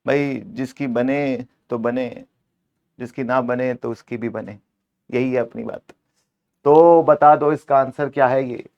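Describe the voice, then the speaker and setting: A male teacher gives an exam-prep accounting lesson in a voice of middle pitch. He is playful and mock-scolds the answer options as if they were people, moving between Hindi and English. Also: fairly even intonation, takes it slowly, a little mellow, dull audio.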